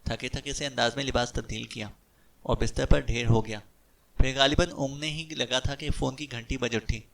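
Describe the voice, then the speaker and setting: A man's voice: medium pitch, steady tone, creaky, a bit bright, far from the mic. A man narrating an audiobook of a detective novel, giving the characters' lines with light changes of voice.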